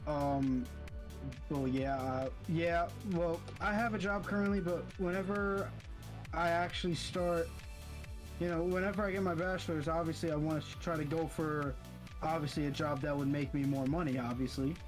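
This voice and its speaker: A man's voice: fairly high pitch, steady tone, normal speed, soft background music. A young man, a college student, chatting casually over a voice call, rambling and stumbling over his words. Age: young adult.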